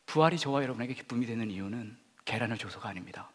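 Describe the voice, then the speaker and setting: A male pastor giving an Easter sermon. He swings from loud, emphatic lines to soft, whispered confessions. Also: medium pitch, lively intonation, rapid-fire, breathy edge. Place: church sanctuary. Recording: reverberant hall.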